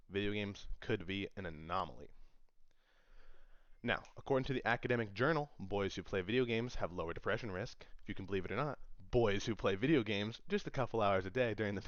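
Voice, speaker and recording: Speaking to an audience in an informal presentation, this young man is conversational and forceful, often repeating phrases to drive points home. He has a low, slightly bright voice on a dry recording with dull audio.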